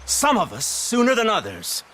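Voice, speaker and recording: A contemptuous government agent in a western game, clipped and menacing. His voice is bright and sharp, and his pitch rises and falls a lot. Faint outdoor ambience sits under the game audio. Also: wildly swooping pitch, moderate pace, slight background noise, exaggerated voice. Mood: cold scorn. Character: cold, scornful male lawman in a western game.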